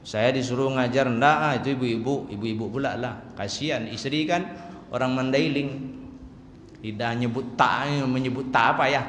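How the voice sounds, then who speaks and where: A man preaching an evening religious lecture, chatty and humorous, slowing down to chant Arabic verses. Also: medium pitch, fairly bright tone. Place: mosque hall. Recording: echoey hall, faint room noise.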